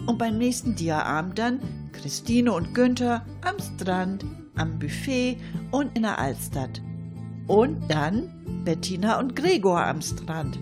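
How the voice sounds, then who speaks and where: In a comic monologue, a woman with a mid-range voice plays a chatty older lady. She rambles colloquially, addressing her listeners with mock indignation.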